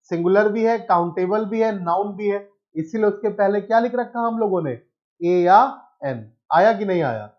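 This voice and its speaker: A man's voice: high voice, lively intonation, moderate pace, highs cut off. A male teacher giving an online exam-prep lesson, asking questions and answering them himself, mixing English phrases into his explanation.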